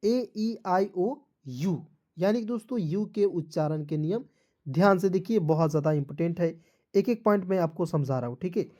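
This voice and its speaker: A man teaching a spelling and pronunciation lesson in a warm, mellow voice. He spells words letter by letter and then says each one aloud. He keeps turning to his viewers with quick questions, calling them friends. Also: sits high.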